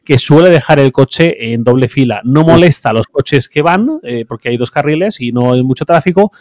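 A man's voice: mid-range voice, normal speed, darkish tone, no echo. A man chatting casually on a podcast, hesitant with many fillers.

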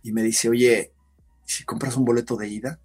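A man, a podcast guest, telling a story in casual conversation, animated and acting out what others said. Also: medium pitch, fast talker, husky, faint music behind. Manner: animated storyteller, acts out shouted quotes.

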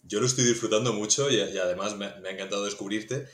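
Low-voiced middle-aged male podcast host. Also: fairly even intonation, quick pace. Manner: chatty, winding questions. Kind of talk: casual interview chat. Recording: echoey room.

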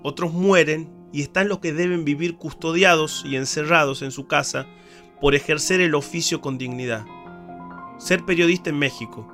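Guy narrating a serious doc podcast, steady and grave, bit high pitched, clear guitar music playing behind. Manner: measured, grave storytelling. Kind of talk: scripted documentary narration.

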